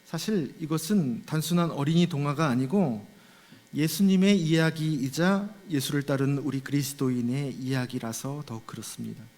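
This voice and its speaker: A man's voice: fairly high pitch, a little mellow, big-room sound. A male senior pastor preaching a sermon in a conversational way, often putting rhetorical questions to the congregation. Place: church sanctuary.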